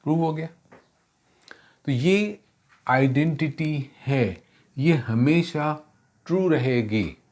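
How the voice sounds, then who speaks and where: A man's voice: on the high side, lively intonation, slow, long pauses, a little mellow. A man teaching a math lesson, mixing in English terms, explaining step by step and asking rhetorical questions. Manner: self-correcting, asks rhetorical questions.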